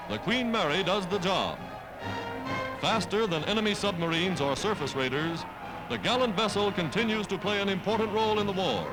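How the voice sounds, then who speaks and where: A high-pitched man narrates an old newsreel with an emphatic, declamatory wartime delivery. Brassy music plays loudly under his voice on an archival film soundtrack. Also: rough recording.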